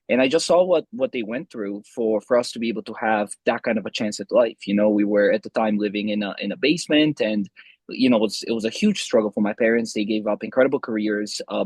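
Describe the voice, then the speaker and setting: A man's voice: on the low side, breathy edge, no room sound. A man in his twenties from Romania, chatting as a podcast guest and rambling with many restarts and fillers. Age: 20s. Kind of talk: casual interview chat.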